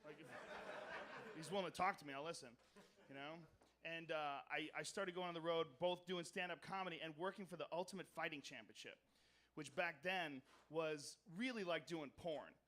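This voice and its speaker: A man doing stand-up comedy on a club stage, telling a story loudly and profanely, with mumbled asides and shouted punchlines. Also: on the high side, moderate pace, background noise.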